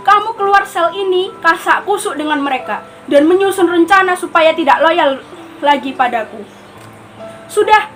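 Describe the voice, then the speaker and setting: Stage monologue: a schoolgirl as a lonely jailed prisoner, high-voiced, bossy and suspicious, faint music under it. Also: a bit bright, rough recording. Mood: scolding. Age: teens. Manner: scolding, swinging from pleading to threatening. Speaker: student performing a monologue. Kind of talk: theatrical monologue.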